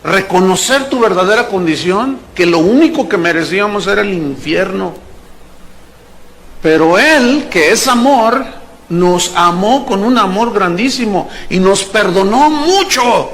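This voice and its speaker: A man preaches in a high, bright register. His sermon is animated and playful, and he often slips into little acted-out voices for the people in his stories. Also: a little slow, a little hiss or hum. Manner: animated, playful preaching, acts out characters and jokes. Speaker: pastor.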